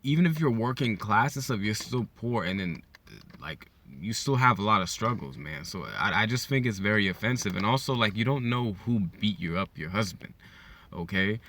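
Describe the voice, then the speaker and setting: A young man from California ranting in a casual opinion vlog, animated and repetitive, full of slang, often checking in with "okay?". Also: fairly low pitch, normal speed. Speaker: YouTuber vlogging his opinion.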